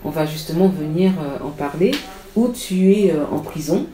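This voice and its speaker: Interviewer, mellow tone, echoey room; prompting, supportive, frequent back-channel murmurs. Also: medium pitch, animated, moderate pace. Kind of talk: conversational interview.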